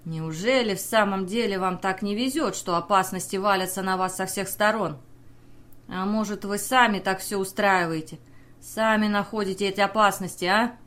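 A woman's voice: mid-range voice, normal speed, a bit bright, close to an everyday voice. A woman reading the part of a desperate male sailor who pleads with and accuses his captain. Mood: pleading. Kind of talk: audiobook character reading.

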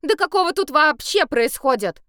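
A woman voicing an exhausted, short-tempered young woman in an audiobook, speaking in a sharp, snapping way. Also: a little high, animated, moderate pace, no echo, clean studio sound, pitched above the performer's own voice, natural voice. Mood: furious.

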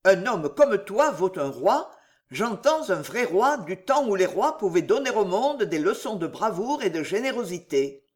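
A reader voicing a gruff, loud old soldier of fortune who swears heartily, in an audiobook. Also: medium pitch, big pitch swings, a little slow. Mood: earnest. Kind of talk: audiobook character reading.

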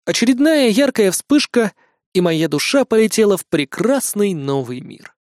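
A man's voice: high-pitched, big pitch swings, moderate pace, darkish tone, no room sound. A man narrating a first-person audiobook with a wry, dry-humored delivery.

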